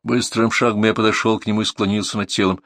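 A man's voice: on the low side, little pitch movement, fast, fairly bright tone, dry recording. A man narrating a first-person audiobook in a tense, dramatic way, recorded in a dry booth.

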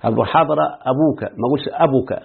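Over a tinny, phone-like line, a sheikh with an Egyptian accent works through an Arabic grammar text, repeatedly checking his students with questions. His medium-pitched voice is gravelly and he races along.

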